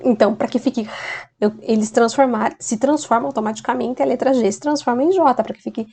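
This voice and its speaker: A woman's voice: fairly high pitch, quick pace, dark tone, breathy edge. A woman teacher explaining grammar in a video lesson, often checking in with "né?". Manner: explains patiently with frequent "né?" checks. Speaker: Spanish teacher.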